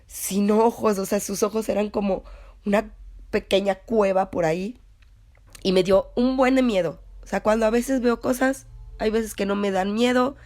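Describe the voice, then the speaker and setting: A woman's voice: medium pitch, steady tone, moderate pace, darkish tone. A young woman with a Mexican accent casually recounting a personal anecdote, rambling with many fillers and self-corrections. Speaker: story contributor.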